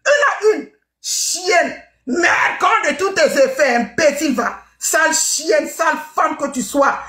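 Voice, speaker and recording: A woman hosting a live stream, shouting scornful insults with mocking laughs. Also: sits high, lively intonation, takes it slowly, reverberant.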